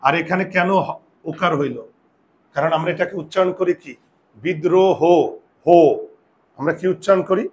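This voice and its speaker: A man with a fairly high voice teaching a classroom lesson. He explains each step slowly and keeps quizzing his students as he goes. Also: a bit bright. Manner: explanatory, asks the class questions. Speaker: Bengali grammar teacher.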